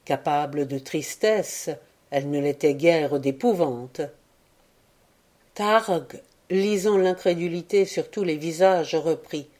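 Slow, mellow woman reading an audiobook. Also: deep voice. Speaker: audiobook reader. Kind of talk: scripted narration.

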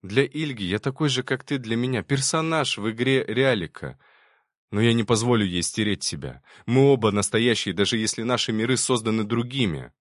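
A man reading the lines of a gentle, devoted young programmer in an audiobook. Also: medium pitch, lively intonation, moderate pace, no echo, clean studio sound, natural voice. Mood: earnest.

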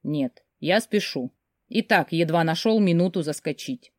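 A woman reading an audiobook, voicing a busy young man who speaks briskly and in a hurry. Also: fairly low pitch, animated, dry recording, clean studio sound. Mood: hurried. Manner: brisk, clipped and hurried.

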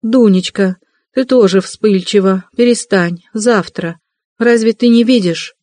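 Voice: medium pitch, a little slow, darkish tone, no echo, pitched above the performer's own voice, lightly acted. A fretful elderly mother in a dry, close audiobook reading, put on by the narrator. She pleads and worries in a lifted, trembling tone. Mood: anxious pleading. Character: elderly anxious mother, timid and tearful.

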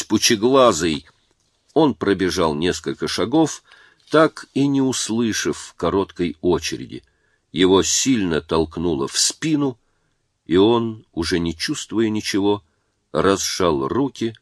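A man reading a war story aloud as narrator, in a measured and dramatic way. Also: sits low, no room sound, studio quality.

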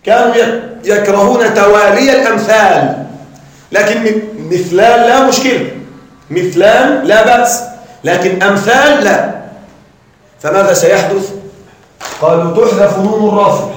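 High-voiced man teaching in an echoey room. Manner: checks in often with students, repeats examples slowly. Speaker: grammar teacher. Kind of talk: classroom grammar lesson. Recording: very echoey room, mic far off.

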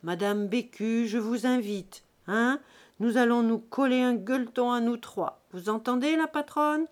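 A woman's voice: a little high, unhurried, lightly acted. Woman voicing a rowdy drunken peasant man. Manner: loud, rowdy, jovial bellowing. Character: boisterous drunken middle-aged peasant man, crude joker.

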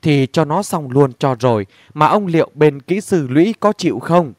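A man's voice: a little high, lively intonation, moderate pace, dry recording, clean studio sound, lightly acted. A man voicing an anxious middle-aged mother in a storybook reading, speaking urgently. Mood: worried.

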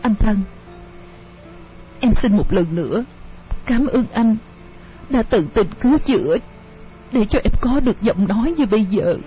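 A man voicing a gentle, sorrowful young woman in an audio story, pleading softly and tearfully. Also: high-pitched, animated, a little slow, pauses often, pitched above the performer's own voice. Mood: sad. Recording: dull lo-fi audio with music.

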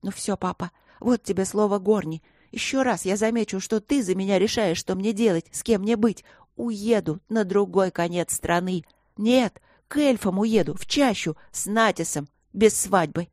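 A woman's voice: mid-range voice, moderate pace, darkish tone, dry recording, clean studio sound, voice pushed up, close to an everyday voice. A woman voicing a hot-tempered young noblewoman who talks in an indignant, heated way.

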